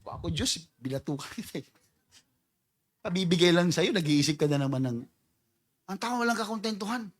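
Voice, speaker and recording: A man pastor preaching a sermon, mixing Tagalog and English, swinging from quiet scripture reading to loud emphatic calls and mimicking people's prayers. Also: sits high, lively intonation, brisk, pauses often.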